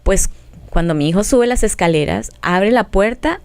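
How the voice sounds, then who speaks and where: Smooth-voiced middle-aged woman telling a story. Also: medium pitch, animated, moderate pace, a little mellow, dry recording. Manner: earnest storytelling, acts out dialogue. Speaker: family counselor guest. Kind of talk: testimony in interview.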